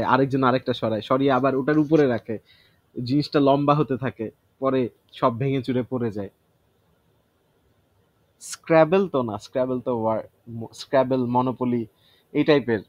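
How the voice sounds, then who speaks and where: Guy going over vocab words out loud, dry close sound, thinks as he talks. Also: medium pitch, normal speed, long pauses, no room sound, muffled recording. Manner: thinks aloud, self-testing word by word; mixes English words into Bengali explanations. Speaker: vocabulary teacher. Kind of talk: casual vocabulary study session.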